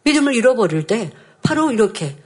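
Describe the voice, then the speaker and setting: A woman pastor preaching a sermon, earnest and steady, asking the congregation rhetorical questions. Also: fairly high pitch, fairly quick. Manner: acts out a child's voice in quoted lines.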